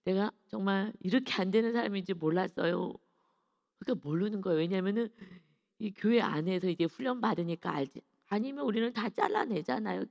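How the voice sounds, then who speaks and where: A woman's voice: lowish voice, vocal fry, a little mellow, big-room sound, highs cut off. A woman pastor giving an early-morning sermon in a conversational preaching style, often acting out what people say. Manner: conversational preaching with acted quotes.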